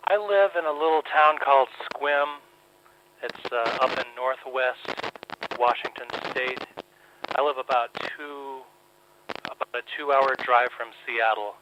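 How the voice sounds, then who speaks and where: A man's voice: unhurried, sharp tone. A man, a musician guest, speaking hesitantly with many fillers over a phone line into a radio interview. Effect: heard over a phone line. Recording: noisy low-quality phone line.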